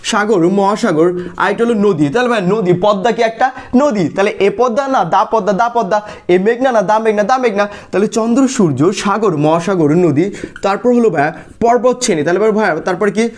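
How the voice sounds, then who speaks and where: A man's voice: high-pitched, moderate pace. A young man from Bangladesh teaching English grammar for exam prep. He drills students by asking questions and answering them himself, and keeps calling them brother. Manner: calls listeners brother over and over. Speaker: English tutor. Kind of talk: energetic exam-prep lesson with call-and-response drills.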